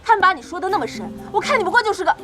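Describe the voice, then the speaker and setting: A woman's voice: very high voice, big pitch swings, racing, bright, forceful tone, full character voice. An actress playing a headstrong female army reporter who talks boldly and scolds. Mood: indignant. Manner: bold, insistent, scolding. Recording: drama audio with music behind.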